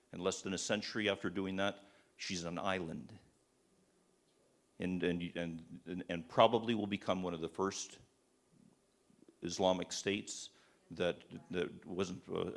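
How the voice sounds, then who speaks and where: A man's voice: sits low, gravelly. A man giving an impassioned, sermon-style talk to a live audience, firing rhetorical questions and restarting his sentences often. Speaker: speaker at a church event.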